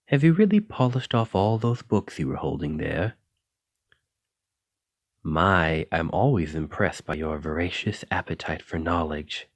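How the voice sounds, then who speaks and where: In an intimate ASMR roleplay, a man with a low voice plays a flirty, possessive dragon-blooded librarian, heavily acted and drawing out his phrases in a teasing, coy way. The mood is flirty and welcoming, and the recording is dry.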